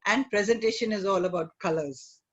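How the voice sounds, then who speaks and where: A middle-aged woman with an Indian accent speaks conversationally as an interview guest, in a halting way peppered with "you know". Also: mid-range voice, slightly rough. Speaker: guest, image consultant. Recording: dull lo-fi online call audio.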